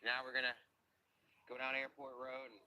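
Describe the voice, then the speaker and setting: Outdoors beside some ponds, a man who works as an underwater search diver walks through the search step by step. His medium-pitched voice moves at a moderate pace as he calmly reports depths and what he finds.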